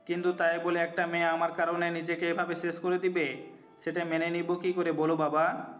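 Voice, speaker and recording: A man playing a remorseful, devoted young lover in a romantic audio story, speaking in an earnest, measured way. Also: on the high side, completely flat delivery, natural voice. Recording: muffled audio, music behind.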